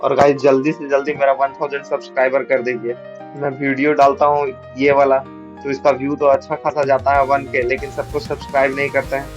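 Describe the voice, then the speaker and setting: A man narrating a comic recap in a colloquial, repetitive, rushed way. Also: medium pitch, monotone, soft background music, poor audio. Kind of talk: storytelling recap.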